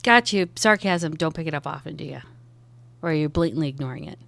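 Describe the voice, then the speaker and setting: A woman's voice: deep voice, animated, fast talker, creaky, fairly bright tone, no room sound. A woman player role-playing in character, sarcastic and blunt, swearing casually. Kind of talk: in-character tabletop role-play.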